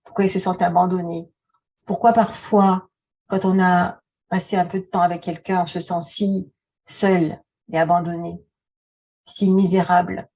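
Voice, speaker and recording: Woman vlogger chatting to viewers, mellow slightly rough voice, bit far from the mic, stop-start delivery. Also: fairly low pitch, flat delivery. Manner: conversational, halting, posing rhetorical questions. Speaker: video channel host, author and relaxation therapist. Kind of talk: casual vlog talk addressed to the viewer.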